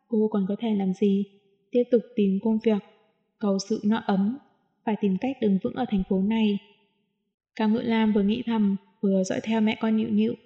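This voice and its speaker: A woman narrating a novel as an audiobook reader, reading in a steady, even way. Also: a little high, muffled recording. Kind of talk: scripted narration.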